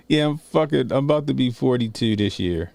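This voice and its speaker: A man's voice: medium pitch, gravelly, a little mellow, no room sound. A man in his early forties chatting loosely and profanely as he sets up a video to react to. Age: 40s. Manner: loose, profane, thinking aloud. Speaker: reaction streamer. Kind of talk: casual commentary.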